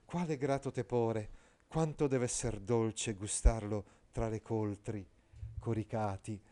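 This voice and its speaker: A man reading the lines of a noble widow in a soft, hushed, suggestive way. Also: fairly low pitch, fairly even intonation, takes it slowly. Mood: coaxing.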